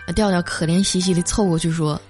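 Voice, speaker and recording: A woman's voice: on the low side, fairly even intonation, fast talker, a little mellow, faint music behind. A woman streamer telling comic stories in a chatty way, drawing out her sentence particles. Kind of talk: comic storytelling.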